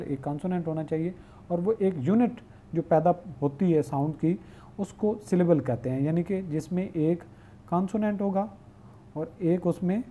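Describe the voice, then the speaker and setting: A male teacher giving an online lecture. He reads English definitions slowly, explains them at length, and asks questions he answers himself. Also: fairly high pitch, dark tone, a little hiss or hum.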